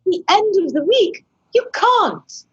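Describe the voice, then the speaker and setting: A woman's voice: very high voice, sing-song, slow, highs cut off, heavily acted. A woman playing a timid, anxious young male theatre manager who speaks nervously and hesitantly, in an old-time radio drama.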